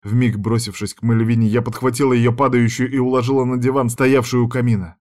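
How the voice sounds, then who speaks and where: A man's voice: medium pitch, level tone, fairly quick, darkish tone. A man narrating a dramatic audiobook in a tense storytelling manner.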